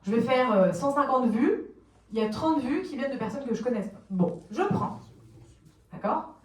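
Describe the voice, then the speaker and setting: A French woman giving a lively conference talk, explaining plainly, asking the audience questions and acting out quotes. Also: fairly high pitch, normal speed. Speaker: conference speaker on social media marketing. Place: conference room, recorded from a distance. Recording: roomy, distant conference recording.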